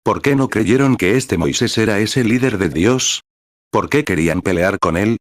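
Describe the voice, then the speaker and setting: A man with a fairly low voice reads a sermon aloud and calls out the paragraph numbers between passages. He keeps a steady preaching cadence. The recording is dry and close, with no room sound. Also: moderate pace, no echo. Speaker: reader of a translated sermon.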